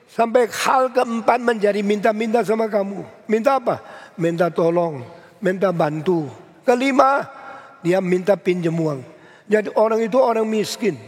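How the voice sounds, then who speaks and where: An older male pastor preaching a sermon, emphatic, with sharp rises on key words and phrases in English. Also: sits high, normal speed. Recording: long church hall reverb.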